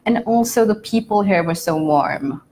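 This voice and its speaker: A graduate student from India answering panel questions in a thoughtful, earnest way. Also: female voice, mid-range voice, moderate pace, darkish tone, a little hiss or hum.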